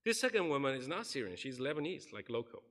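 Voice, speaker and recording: He talks fast in a sing-song, fairly bright voice of medium pitch. The speaker is a pastor giving a sermon in a church sanctuary, earnestly recounting a story and playing out the people in it.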